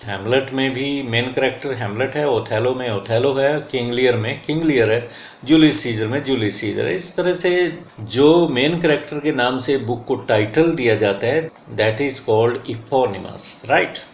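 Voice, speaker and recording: Indian-accented male teacher, deliberate bilingual lesson pace, roomy echo. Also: mid-range voice, a little hiss or hum. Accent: Indian English. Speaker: English teacher. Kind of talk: vocabulary lesson.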